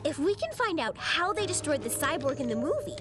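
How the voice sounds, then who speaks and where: Very high, bold little girl. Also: big pitch swings, brisk. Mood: bossy, resolute. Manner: bossy, earnest, exclamatory. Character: bold, imaginative little girl playing vampire superhero. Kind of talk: cartoon voice acting. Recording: loud music bed behind.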